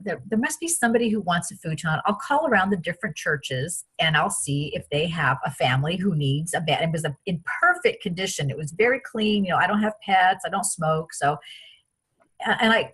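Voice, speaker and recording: A woman from France, a guest in an interview, telling personal stories in a chatty, animated way with many restarts. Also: mid-range voice, slightly rough. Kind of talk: casual interview storytelling.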